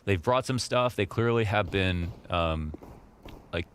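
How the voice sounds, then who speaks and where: A male esports analyst with a fairly low voice who talks in a thoughtful, hesitant way and stops often to restart his thoughts. Gunfire and clicks from the match are clear behind him. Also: slow, fairly bright tone, slight background noise. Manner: thoughtful, hesitant, many fillers. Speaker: analyst commentator. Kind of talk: esports color commentary. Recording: game sounds and gunfire behind.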